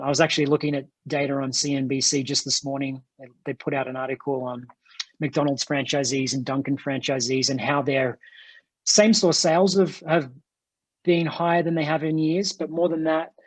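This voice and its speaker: A man's voice: fairly high pitch, flat delivery, a little fast, dry recording. A man with a non-American English accent, a company executive answering interview questions over a video call, earnest and enthusiastic, often restarting his words. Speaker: franchise company executive, guest.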